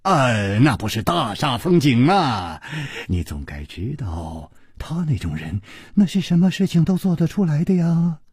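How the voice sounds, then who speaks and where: 一位男性说书人演绎一个轻佻好色的中年妇人，嗓音沙哑，带气声低语，娇嗔调笑。. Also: male voice, mid-range voice, big pitch swings, a little slow, dry recording, studio quality, full character voice. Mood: scornful. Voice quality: husky, breathy whispering. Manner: coquettish, teasing, giggling. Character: flirtatious lustful middle-aged woman. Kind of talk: storytelling character voice.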